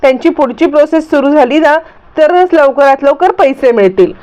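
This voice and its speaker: A cunning, pushy middle-aged woman, as a woman reads her out, coaxes in a hurried, high voice. The sound is dull and lo-fi. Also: darkish tone, close to an everyday voice. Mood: coaxing. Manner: coaxing, hurried. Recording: dull lo-fi recording.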